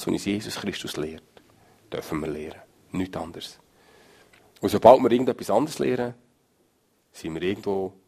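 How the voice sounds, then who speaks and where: Gravelly, husky preacher. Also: male voice. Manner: emphatic, swings from loud stress to low murmur. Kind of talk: sermon.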